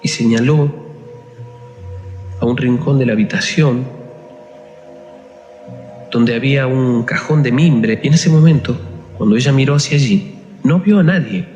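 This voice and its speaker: A man tells a ghost story at a measured pace, pausing between phrases. His voice sits in a middle register. It rings in a roomy space with a long reverb tail and faint music beneath. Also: mid-range voice, a little mellow.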